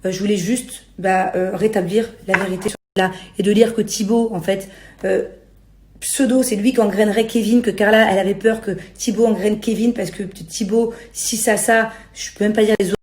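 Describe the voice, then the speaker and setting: A young woman rants casually to her followers in an exasperated, self-justifying way, full of slang. Her voice is mellow and soft-edged at a middling pitch, with a clearly roomy echo around it. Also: steady tone, moderate pace, a little hiss or hum. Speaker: reality TV personality. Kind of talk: casual spoken rant to followers.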